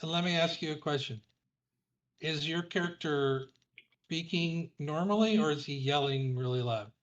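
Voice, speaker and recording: A man running a tabletop role-play as game master, asking quick probing questions. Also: on the high side, roomy sound, muffled recording.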